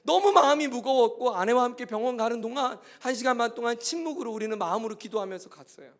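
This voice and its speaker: Man, pastor, high voice, earnest sermon storytelling, turns impassioned and pleading. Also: fast talker.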